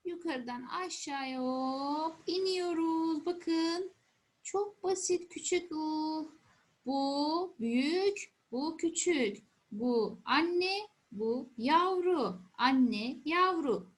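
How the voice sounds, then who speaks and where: A woman teacher explaining a lesson to young children in simple, repeated phrases and questions, with encouraging, sing-song emphasis. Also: high voice. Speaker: primary school teacher. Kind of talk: first-grade letter lesson for children.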